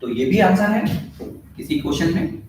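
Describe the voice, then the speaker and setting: Male physics teacher, higher voice, recorded off-mic, dictates formulas step by step. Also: expressive, a little mellow, a little hiss or hum. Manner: addresses students, asks questions, dictates formulas slowly. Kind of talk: classroom lecture. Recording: echoey room, heard from a distance.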